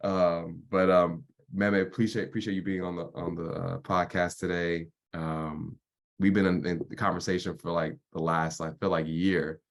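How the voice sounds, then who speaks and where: A young man hosting a podcast, relaxed and slangy in conversation. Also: low-pitched, moderate pace, gravelly. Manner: laid-back, slangy. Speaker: podcast host. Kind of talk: casual interview chat.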